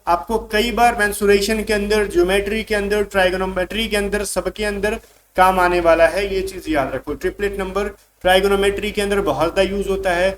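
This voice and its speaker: Man, high pitch, exam-prep math teacher, casual "bhai" address, slow English questions. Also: a bit bright, slight background noise. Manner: calls students "bhai", reads English questions slowly.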